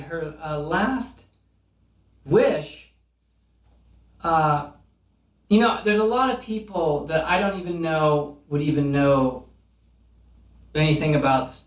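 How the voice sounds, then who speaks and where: A middle-aged man with a high voice delivers a rambling, profane comedy rant with mock-earnest swings. He sits a bit back from the mic, and the room around him echoes. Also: distant mic. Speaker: comedian host. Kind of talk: comedic monologue.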